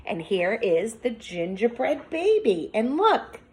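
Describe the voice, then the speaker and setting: A woman demonstrating a children's read-aloud takes on a teacher's role, narrating a picture book, commenting on it and quizzing her imagined young class. She speaks slowly in a somewhat high, slightly mellow voice with big pitch swings.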